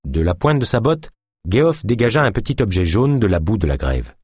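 A man's voice: fairly low pitch, very animated, moderate pace, darkish tone, breathy edge, dry recording, studio quality. A man reading a novel aloud as an audiobook narrator, telling the story expressively.

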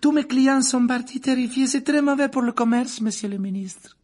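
A man's voice: very high voice, normal speed, a little mellow, pitched above the performer's own voice. A man doing a chatty innkeeper woman. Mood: chatty, fond. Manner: chatty, fond, gossiping. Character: warm plump middle-aged female innkeeper.

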